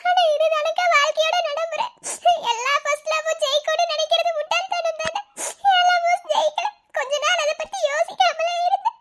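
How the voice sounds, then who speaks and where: A woman's voice: very high voice, steady tone, fairly quick, a bit bright. A woman voicing Ananya, a heartbroken young woman in a cartoon love story who speaks while crying and laughing through tears. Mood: tearful confiding.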